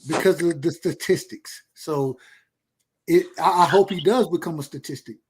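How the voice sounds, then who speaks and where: A man's voice: fairly high pitch, normal speed, darkish tone, husky. A man, rambling and boasting in casual podcast chat. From Georgia, USA. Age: 30s. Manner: laid-back, boastful, rambling with repeats. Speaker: podcast host.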